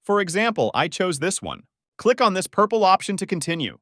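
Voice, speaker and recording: A man talks through a software tutorial, his pitch moving in a lively way. He explains each step plainly and in order. The sound is close and dry, with no room echo. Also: fairly quick. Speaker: tutorial narrator. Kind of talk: screen-recording tutorial narration.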